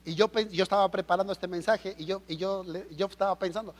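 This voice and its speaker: High-voiced Mexican pastor preaching. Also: male voice, fast, long reverb tail. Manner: animated preaching with rhetorical questions. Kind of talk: sermon. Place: church hall.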